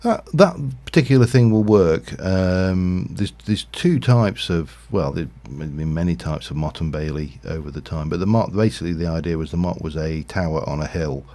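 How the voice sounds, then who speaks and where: A man's voice: low voice, normal speed, few pauses, mellow. A man casually commentating his Minecraft livestream, rambling and thinking aloud with lots of fillers. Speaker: streamer.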